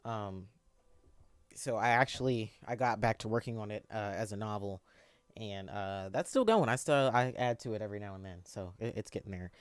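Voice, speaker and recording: This twenty-something man has a youthful, boyish voice, lowish and clean, recorded with no echo. He talks casually on a live stream, responding to viewers in a meandering, stop-start way full of fillers and false starts.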